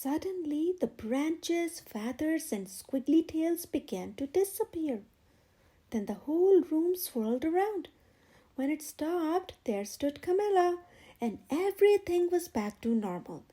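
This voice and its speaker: A woman reading a children's picture book aloud as an expressive, dramatic storyteller. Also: high-pitched, unhurried.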